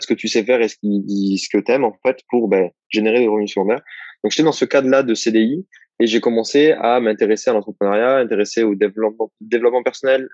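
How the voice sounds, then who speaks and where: A man from the south of France, a guest in a casual interview, telling his story in a relaxed, rambling way with many restarts. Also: on the low side, no echo, highs cut off.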